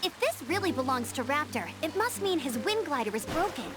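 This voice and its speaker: A woman's voice: high-pitched, very animated, brisk, over music. A woman voicing an eager young girl scout in video game dialogue, earnest and upbeat as she urges others on. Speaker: outrider.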